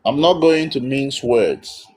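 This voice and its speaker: A man's voice: mid-range voice, lively intonation, takes it slowly, darkish tone, husky. A man giving emphatic, blunt spiritual counsel as host of a live call-in.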